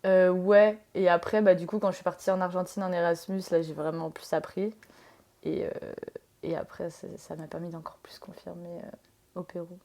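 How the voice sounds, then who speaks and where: Young Frenchwoman, tattoo artist guest, rambling casual chat, creaky voice. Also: lowish voice, level tone, moderate pace, warm tone. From France. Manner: chatty, rambling with many filler sounds.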